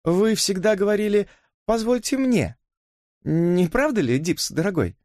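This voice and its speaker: A man's voice: sits high, sing-song, moderate pace, no room sound, clean studio sound, pitched above the performer's own voice. A man reading an audiobook, voicing a flippant, mocking young woman who drawls her words. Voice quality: drawling, teasing.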